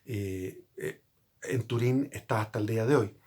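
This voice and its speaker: A man's voice: lowish voice, unhurried, darkish tone. A man hosting his own channel, giving an earnest unscripted religious monologue. He rambles, often restarting and correcting himself mid-sentence. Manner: earnest and explanatory. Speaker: channel host.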